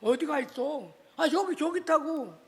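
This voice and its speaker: A male preacher voicing a tender, trusting dying son who speaks gently to his father. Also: very high-pitched, expressive, moderate pace, vocal fry, exaggerated voice. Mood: gentle. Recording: reverberant church hall.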